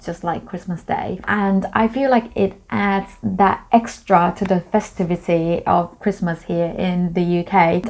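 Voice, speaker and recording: A woman's voice: lowish voice, darkish tone. A young woman from Thailand, a native Thai speaker, chatting casually to camera in a vlog, explaining things in a friendly way with plenty of fillers. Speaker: vlogger.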